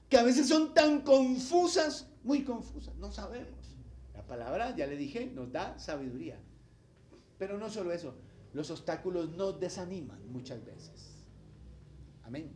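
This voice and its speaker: A man preaching a sermon as pastor, speaking, asking his congregation questions and acting out the voices of the people in his examples. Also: fairly high pitch. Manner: animated preaching, acts out quoted voices, asks the congregation questions.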